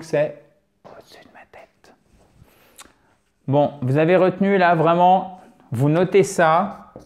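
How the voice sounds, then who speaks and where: A man who speaks French as his first language, teaching an English lesson to the camera in a lively, chatty way and joking at his own expense. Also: on the high side.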